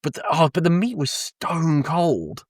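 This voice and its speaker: A man's voice: a little high, very animated, unhurried, dry recording, clean studio sound. A young British man co-hosting a podcast, rambling through an anecdote with swearing, laughs and many ums. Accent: British English. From Britain. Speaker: podcast co-host. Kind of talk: casual podcast chat. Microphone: close podcast mic, dry sound.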